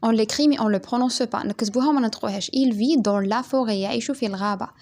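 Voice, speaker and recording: Woman, young, teacher, slow careful dictation, spells letters out, slightly high voice. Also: a little mellow. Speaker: French teacher. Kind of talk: primary school lesson.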